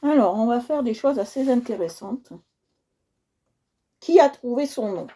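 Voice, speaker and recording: A woman runs a casual coloring livestream, chatting to her viewers and often going back over what she just said. Her voice sits fairly high but has a soft, mellow tone. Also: expressive, unhurried. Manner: chatty, repeats herself, addresses viewers directly.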